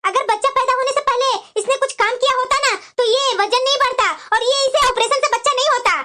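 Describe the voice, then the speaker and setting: A woman voicing a scolding, taunting middle-aged mother-in-law in a cartoon, talking in a sharp lecturing way. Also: very high voice, steady tone, quick pace. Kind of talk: cartoon voice acting.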